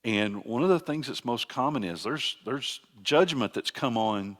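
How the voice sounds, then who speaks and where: A man's voice: medium pitch, lively intonation, measured pace. An older man, a pastor giving a conversational teaching sermon with frequent restarts.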